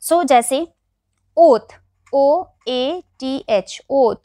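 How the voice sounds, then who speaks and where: Indian woman slowly spelling out words. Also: a little high, no room sound, clean studio sound. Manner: spells words out letter by letter, then repeats them slowly. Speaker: English teacher. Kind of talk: explaining vowel sounds in Hindi.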